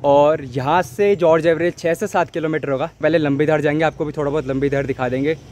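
With a noisy background, a young man narrates his mountain-road bike ride for viewers, giving tips and mixing in English. He talks quickly in a steady tone, his pitch on the high side, into a phone or action camera held at arm's length.

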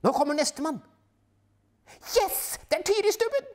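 A man doing a shrill cheering woman fan. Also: sing-song, darkish tone, exaggerated voice. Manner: shrieking, cheering. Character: excitable adult woman, shrill ski-racing fan. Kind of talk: audiobook character voice.

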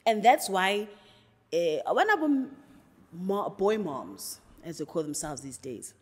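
A woman's voice: lowish voice, very animated, measured pace, slightly rough, long reverb tail. A woman with a South African accent, speaking earnestly as a podcast co-host and mixing English with Sesotho in casual panel talk.

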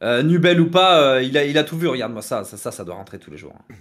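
A man's voice: mid-range voice, very animated, quick pace. A man co-commentating a video game football final live, cheering players on, joking and greeting the chat. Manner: cheers players on, yells and laughs, chatty with the chat. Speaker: esports co-commentator.

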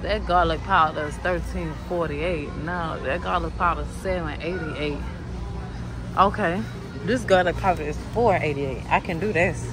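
A woman's voice: lowish voice, normal speed. Chatty woman vlogging a grocery run. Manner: chatty, addresses viewers as y'all. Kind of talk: casual grocery vlog narration. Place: supermarket aisles. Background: store background music.

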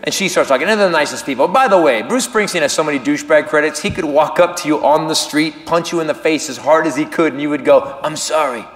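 A man's voice: a little high, quick pace, few pauses. Stand-up comic guy, self-mocking, acts out voices, room noise and long reverb all around. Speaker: stand-up comedian. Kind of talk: live stand-up storytelling. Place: comedy stage before a crowd. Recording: roomy live venue with audience.

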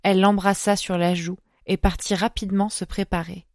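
A woman narrating an audiobook at a measured pace. Her voice sits mid-range, heard close and dry. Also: medium pitch, little pitch movement, darkish tone, no echo. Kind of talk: scripted narration.

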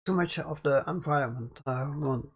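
With a fairly high pitch and normal speed, a man runs a casual screen-recorded tutorial in his small home studio, the audio dull and echo-free. His gravelly, crackly voice stumbles through fillers and restarts, picked up by a close studio mic about ten centimeters away.

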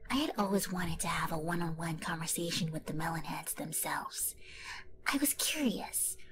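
A woman voicing a scheming, gloating evil lemon clone villainess in an online fan story, delivering a slow, menacing monologue in a whispery voice. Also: on the low side, noisy background, close to an everyday voice. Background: music.

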